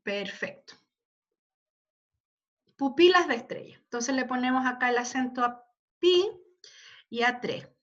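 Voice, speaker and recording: A woman's voice: a little high, lively intonation, a little slow. A woman teaching a literature class, patiently walking students through examples and checking in with them. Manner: checks in constantly with tag questions. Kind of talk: online class lecture. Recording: dull lo-fi audio.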